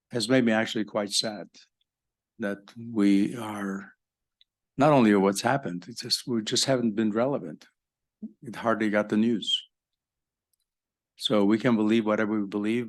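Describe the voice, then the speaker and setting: An older man born in Egypt, a professor giving a live conference talk in a conversational way with joking asides to the audience. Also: lowish voice. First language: French.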